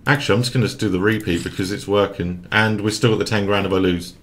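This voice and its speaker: A man commentating live on his own game, excitable and swearing, talking to his viewers. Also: on the low side, a little fast. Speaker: gambling streamer.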